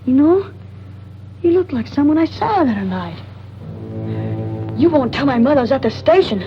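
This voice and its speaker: This actress's voice sits high and sing-song at normal speed as she plays an eager, gossipy young boy in a 1940s radio thriller. The chatty, restless boy dodges his strict mother, and the recording is muffled, with music.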